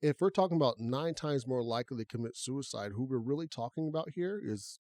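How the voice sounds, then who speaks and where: A man co-hosts a podcast with an easygoing conversational manner, often restarting his sentences as he thinks aloud. His voice sits at an ordinary middle pitch. It is recorded close and dry, with no room sound. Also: brisk, dry recording. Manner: relaxed, conversational, talks through restarts. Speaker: podcast co-host. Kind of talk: casual podcast chat.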